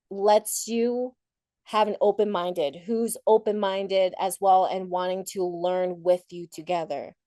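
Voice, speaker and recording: A woman with a darkish, mid-range voice tells her personal story as a conference speaker, recorded at studio quality with no room sound. She's from Thailand, Thai is her first language, and she later moved to the United States. Her motivational talk feels informal and candid, reflective and conversational, as she often rephrases along the way.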